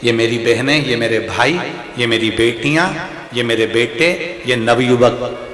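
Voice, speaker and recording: Bright-voiced man preaching in echoing hall. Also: medium pitch, unhurried. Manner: emphatic, rhythmic repetition, rising exhortations. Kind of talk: devotional scripture sermon. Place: large live gathering hall. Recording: reverberant hall sound.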